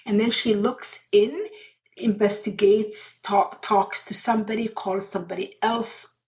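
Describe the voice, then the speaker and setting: A middle-aged woman from Somalia, hosting a personal storytelling podcast in an earnest, unhurried way with pauses and restarts. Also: medium pitch, fairly even intonation, rough recording. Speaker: podcast host.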